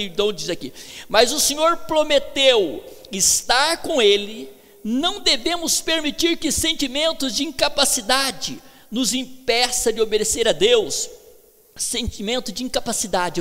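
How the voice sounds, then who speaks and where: A man from Brazil preaching a sermon as pastor, swinging between loud calls and hushed asides, on a handheld mic in a church hall. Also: very high voice. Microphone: handheld microphone.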